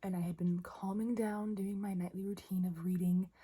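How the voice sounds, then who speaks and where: A woman's voice: mid-range voice, little pitch movement, normal speed, husky. Whispering young woman in bed at night. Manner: hushed whispering, chatty with many fillers. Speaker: book vlogger. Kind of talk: late-night casual vlog.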